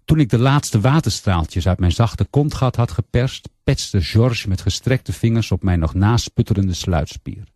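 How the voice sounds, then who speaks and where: A man reading aloud a first-person story in a measured, deliberate way, introducing the excerpt first. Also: fairly low pitch, lively intonation, mellow, dry recording, studio quality.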